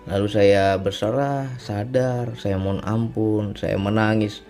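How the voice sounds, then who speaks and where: A man with a low, mellow voice telling a religious testimony, unhurried and reflective, circling back over his own phrases. Faint music sits quietly under his voice. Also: fairly even intonation, creaky. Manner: reflective, repetitive, often ends with "ya kan". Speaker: speaker sharing a personal testimony.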